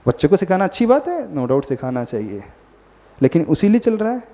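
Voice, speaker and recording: Speaking a little fast in a high, dark voice with big pitch swings, a Jain monk preaches to an assembled crowd. He often turns questions on his listeners and drops in English words. Dull lo-fi audio and long hall reverb define the recording.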